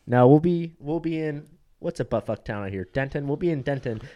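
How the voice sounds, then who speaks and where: Young comedian dude, laughs a lot, voice bounces all over, swears casually. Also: male voice, a little high, lively intonation, a little fast, mellow, lo-fi sound. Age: 20s. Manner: laughs often, loose and profane. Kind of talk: casual chat.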